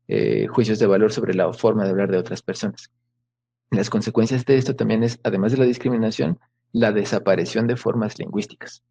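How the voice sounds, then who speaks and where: A man's voice: medium pitch, mellow, lo-fi sound. A man giving an academic lecture over a video call, explaining patiently with many fillers and rhetorical questions. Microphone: video call microphone.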